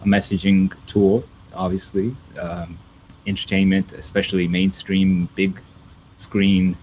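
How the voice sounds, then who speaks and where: A man's voice: low voice, level tone, unhurried, a little mellow, a little hiss or hum, low-quality recording. A man born in Ethiopia and raised in America, talking casually as a guest, rambling with many fillers and restarts. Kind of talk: casual conversation.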